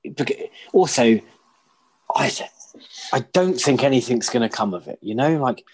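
A man's voice: mid-range voice, animated, breathy edge. A British man co-hosting a podcast, teasing his friend in sweary, mocking banter. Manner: teasing, sweary, quick to mock. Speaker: podcast co-host. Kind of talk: casual banter.

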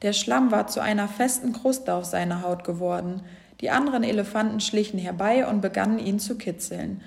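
A woman reading a children's storybook aloud in a gentle, clear voice. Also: mid-range voice, moderate pace.

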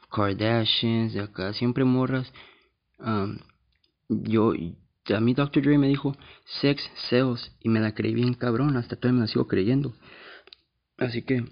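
A man's voice: fairly low pitch, muffled recording. A man hosting a podcast in a blunt, slangy, confessional monologue. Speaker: podcast host. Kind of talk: casual monologue.

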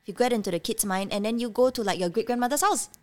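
Speaking in a slightly high voice at a racing clip, a Cantonese-native woman in her thirties tells her childhood story frankly as a podcast guest. The interview is about her personal life, and her animated telling is packed with fillers.

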